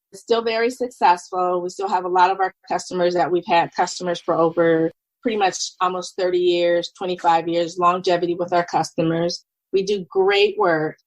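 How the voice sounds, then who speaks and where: A woman in her fifties, a podcast guest, telling her story in a lively, animated way and acting out what people said. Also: lowish voice, no room sound, low-quality recording. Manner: lively, animated, acts out quoted dialogue. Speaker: podcast guest, nurse and business owner. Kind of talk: casual conversational storytelling.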